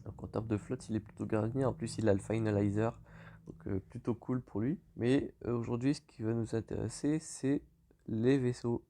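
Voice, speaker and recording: A French-accented man talks through a game in an easygoing, hesitant way. His voice is dark and mellow with a gravelly edge. He stops to correct himself often. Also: on the low side, normal speed. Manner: relaxed, lots of hesitations and self-corrections. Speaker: gaming YouTuber. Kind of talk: casual game commentary over screen.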